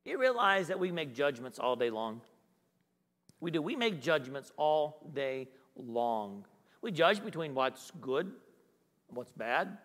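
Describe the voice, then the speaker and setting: A middle-aged man preaches with a high, bright voice and an unhurried delivery. He presses his points hard, then drops almost to a whisper. His words ring with the long reverb of a church hall. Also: big pitch swings. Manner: emphatic preaching, swinging from loud to hushed. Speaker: guest pastor. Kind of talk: sermon.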